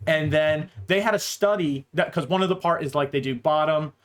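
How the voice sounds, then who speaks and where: A laid-back man co-hosting a casual podcast, his voice sitting a little high for a man. He talks loosely, reads viewer comments aloud and laughs easily. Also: normal speed. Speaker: podcast co-host. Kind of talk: casual chat.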